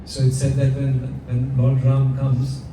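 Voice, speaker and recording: Leading a devotional group discussion at a home gathering, a man asks questions and laughs often. His medium-pitched voice is monotone and a little slow, recorded far from the mic in an echoey room with background noise.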